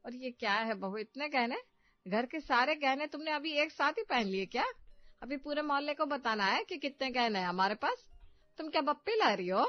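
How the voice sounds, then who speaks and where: A woman's voice: sits high, animated, moderate pace, no echo, pitched above the performer's own voice. A woman voicing an exasperated middle-aged mother-in-law who scolds the family, over faint music. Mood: scolding. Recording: muffled, faint background music.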